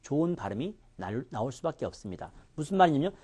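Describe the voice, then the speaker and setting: A man teaching pronunciation in a lecture, demonstrating each sound with exaggerated contrasts. His voice sits in a middle register and swings widely in pitch as he explains. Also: big pitch swings, quick pace, darkish tone, slightly rough. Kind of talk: recorded lecture.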